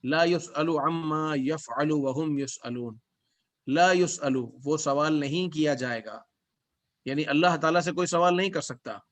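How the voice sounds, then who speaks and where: A man's voice: on the high side, a bit bright. Man teaching Arabic, recites then translates. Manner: explains word by word, reciting verses then translating. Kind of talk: classroom lesson. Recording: dull lo-fi recording.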